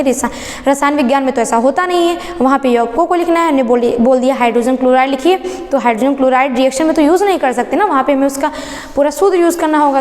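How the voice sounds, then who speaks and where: Woman teacher with a high voice going over a science lesson, lots of reverb. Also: darkish tone. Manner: explains step by step, asking and answering her own questions. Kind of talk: classroom lesson. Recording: echoey room reverb.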